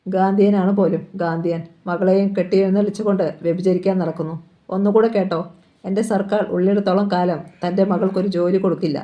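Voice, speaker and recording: A woman's voice: mid-range voice, steady tone, fast, highs cut off, lightly acted. A woman reading the part of an arrogant male chief minister, smug and threatening, in a storybook reading. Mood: menacing.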